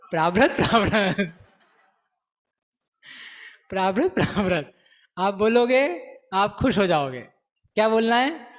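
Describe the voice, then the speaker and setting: Slow, playful teacher. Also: male voice, high-pitched. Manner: playful, coaxes class to repeat terms aloud; slow, deliberate explanation with rhetorical questions. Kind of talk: scripture lesson.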